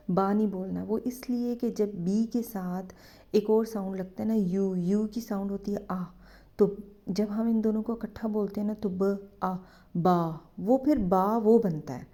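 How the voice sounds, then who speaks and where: A woman's voice: medium pitch, dark tone. A woman teaching phonics in a patient way, repeating letter sounds and drawing them out. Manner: repeats letter sounds many times, drawn out. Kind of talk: slow, patient phonics lesson.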